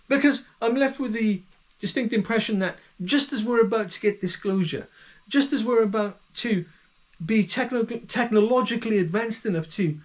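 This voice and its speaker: High-voiced man musing aloud. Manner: musing, speculative, self-correcting. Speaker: channel host. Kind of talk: solo video monologue.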